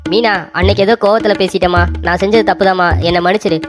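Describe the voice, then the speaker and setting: A woman's voice: medium pitch, steady tone, fast, soft background music, natural voice. A woman voicing a young husband in a comic cartoon, pleading and repeating every line twice.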